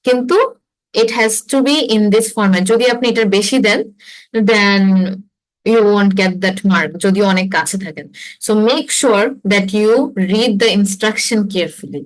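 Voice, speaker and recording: A woman's voice: mid-range voice, drawn-out words, poor audio. A young woman, an exam-prep instructor, explains things in a lecture and mixes in English phrases. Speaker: IELTS instructor. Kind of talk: online class lecture.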